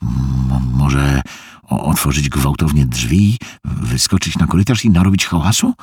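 A man narrating a suspense story in a very low, husky voice, swooping dramatically up and down as he plays out the scenes. The sound is close and dry, with no room around it. He reads with tense, theatrical energy. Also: unhurried, a little mellow, no echo. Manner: acts out tense dialogue with shifting pitch. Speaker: audiobook narrator. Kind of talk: dramatic audiobook reading.

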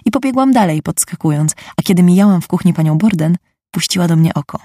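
A woman giving an unhurried, hushed first-person reading of a literary story. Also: fairly low pitch, animated, no echo, studio quality. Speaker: audiobook narrator. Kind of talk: scripted first-person narration.

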